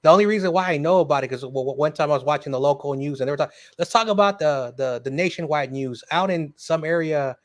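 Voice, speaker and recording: A man's voice: on the high side, fast talker, hardly any pauses, dry recording, clean studio sound. A man in casual chat, recounting things he saw in a chatty way. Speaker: podcast panelist.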